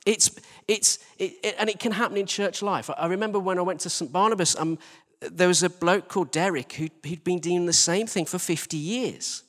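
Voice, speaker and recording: A British man with a high-set voice, speaking a little fast with a slightly bright tone, preaches as a church team leader. His conversational sermon includes self-mockery, rhetorical questions, and repetition, and the live hall adds long, heavy echo.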